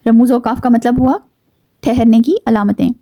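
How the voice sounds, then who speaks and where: A woman teaching a grammar lesson, explaining patiently with occasional fillers and slowing down to stress key words. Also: fairly high pitch, level tone, mellow, no echo. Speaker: Urdu teacher.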